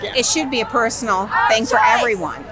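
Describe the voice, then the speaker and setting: A woman's voice: on the high side, brisk, heavy background noise. A woman in her sixties at a protest, speaking in a pointed, indignant way. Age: 60s. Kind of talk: street interview answers. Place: outdoor street protest. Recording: loud crowd and music outdoors.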